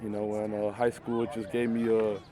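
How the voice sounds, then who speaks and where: A man's voice: fairly low pitch, monotone, moderate pace. Young male college athlete from Michigan, casual earnest interviewee, lots of fillers, outdoor crowd noise behind. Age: young adult. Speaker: college football player and interview guest. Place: outdoors at a youth football camp.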